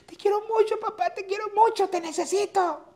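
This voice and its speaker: A man's voice: fairly even intonation, fairly quick, a little mellow. A wailing little boy. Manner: wailing, high-pitched pleading. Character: sobbing little boy begging his dead father.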